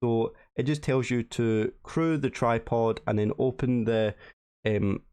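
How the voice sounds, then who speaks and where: A man's voice: medium pitch, measured pace, mellow, clean tone, no echo. A young man gives casual, rambling video game tutorial commentary, explaining things and repeating himself as he goes. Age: young adult. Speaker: gaming tutorial host. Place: indoor room at home.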